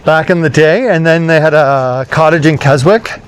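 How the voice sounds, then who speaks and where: A man hosting a casual podcast while walking outdoors, chatty and upbeat, quick to chime in with affirmations. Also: a little high, smooth. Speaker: podcast host. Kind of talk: casual outdoor walk-and-talk chat. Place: outdoors on a country road.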